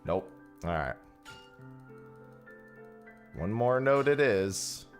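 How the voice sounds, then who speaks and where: A man's voice: lowish voice, lively intonation, very slow, soft background music. A man streaming a game over a headset mic, chatting casually and thanking viewers. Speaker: livestreamer. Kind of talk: casual livestream chat while gaming. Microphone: headset mic, livestream audio.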